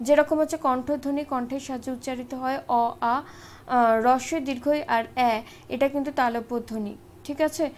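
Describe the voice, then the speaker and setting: A woman's voice: high-pitched, fairly even intonation, a little fast. A woman teaching an exam-prep grammar lesson, explaining step by step and often checking in with short tag questions.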